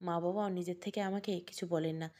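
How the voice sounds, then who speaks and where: Mellow-voiced woman storyteller. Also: lowish voice, steady tone, a little fast. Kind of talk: scripted audio story narration.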